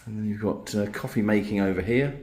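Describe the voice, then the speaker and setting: A man's voice: fairly low pitch, brisk, a little mellow. A man giving a casual, unscripted vlog room tour in an appreciative, amused, understated way. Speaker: vlogger.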